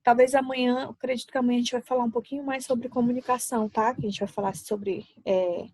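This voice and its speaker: Woman, relationship-advice talk into a laptop on her lap, somewhat high voice, friendly. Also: fairly even intonation, fast, a little mellow, no echo. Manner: friendly, explains with everyday examples. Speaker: psychological support speaker. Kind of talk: casual advice talk to camera.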